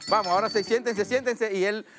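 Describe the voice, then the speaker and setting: A man's voice: high voice, fairly even intonation, fairly quick. A man with a Dominican accent hosting a live children's quiz show, playful, laughing often and singing little drum-roll countdowns.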